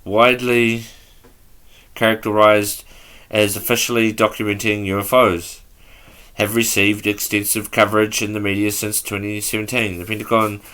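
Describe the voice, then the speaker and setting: A man's voice: on the low side, level tone, moderate pace, pushed and bright. A man hosting a podcast in a casual, offhand way, reading aloud from notes and stumbling over words as he goes. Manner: offhand and loose. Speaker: podcast host.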